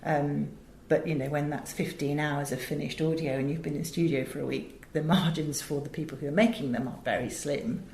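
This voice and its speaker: Interviewed as an audiobook director and producer, a middle-aged Englishwoman with a British accent talks conversationally, telling stories emphatically and adding frequent asides. Her voice is low and darkish with fairly even intonation, a little fast, with few pauses. There's a roomy echo and faint noise in the background.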